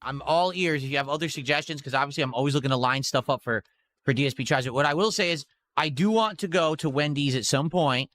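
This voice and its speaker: A man's voice: a little high, fast, fairly bright tone. A man chatting casually as a livestreamer, rambling in a blunt, gushing way.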